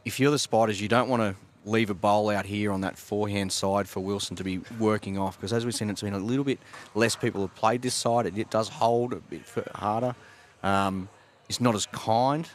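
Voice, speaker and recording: A man doing relaxed, conversational live commentary on a sports broadcast. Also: lowish voice, brisk, slight background noise.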